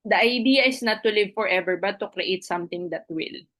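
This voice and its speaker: A woman's voice: mid-range voice, normal speed, a bit bright. Persuasive woman presenter, many tag questions. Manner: keeps checking in with listeners through tag questions; switches freely between two languages mid-sentence. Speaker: network marketing presenter. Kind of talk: motivational recruitment talk with a story.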